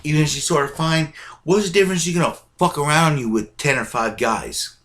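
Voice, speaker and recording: A man's voice: on the high side, fairly quick, fairly bright tone. A man ranting bluntly to his viewers, swearing heavily and hammering his points with emphatic bursts. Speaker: vlogger. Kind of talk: profane ranting monologue.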